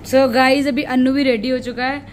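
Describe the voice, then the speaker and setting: A woman's voice: sits high, fairly even intonation, normal speed, a little hiss or hum. A young woman chatting straight to camera in a casual family vlog, recorded on a phone at home. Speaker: vlogger.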